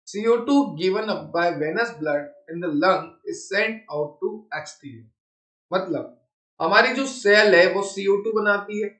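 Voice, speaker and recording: A man's voice: high-pitched, reverberant. A man teaching biology in a classroom lecture, mixing in English textbook terms and asking checking questions.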